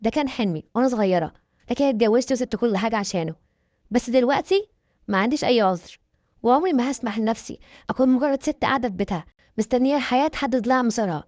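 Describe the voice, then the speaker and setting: Fast-talking Egyptian woman storyteller. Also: fairly high pitch, lively intonation, darkish tone, no room sound. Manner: dramatic, emphatic. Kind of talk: first-person dramatic story narration.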